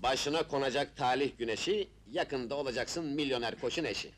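An actor playing a folksy street fortune-teller in a dubbed 1970s film, talking in sing-song rhyming patter. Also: male voice, medium pitch, fairly quick, fairly bright tone, slight background noise, close to an everyday voice.

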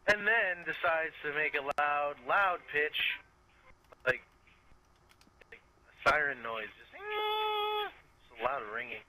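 A man's voice: on the high side, unhurried, long pauses, sharp tone. A man chatting easily with friends while playing a block-building game, ribbing them as they go. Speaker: let's play gamer. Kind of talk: casual gaming chat.

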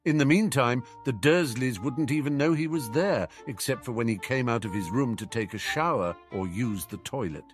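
A man narrating a fan-fiction audiobook with expressive storytelling. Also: medium pitch, moderate pace, hardly any pauses, faint music behind.

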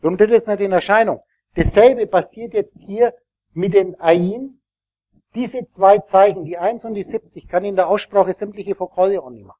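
A man's voice: high-pitched, normal speed, dark tone, no echo. A man giving a rambling, explanatory live talk to an audience, often asking them questions as he teaches. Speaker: lecturer.

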